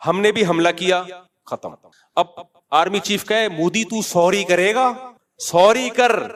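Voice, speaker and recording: A middle-aged man giving a conversational religious lecture, chatty and scolding, acting out the people he quotes. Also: fairly high pitch. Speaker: Islamic scholar giving a talk.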